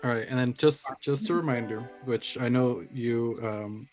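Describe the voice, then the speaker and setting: A man as game master of a tabletop game, relaxed and making dry teasing asides as he reminds players of the rules. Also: medium pitch, normal speed, soft background music. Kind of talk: casual tabletop game chat.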